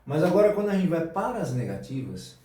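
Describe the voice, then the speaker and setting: A man teaching an English grammar lesson, slow and patient, repeating each example. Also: a little high, sing-song, mellow. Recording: very echoey room, distant mic.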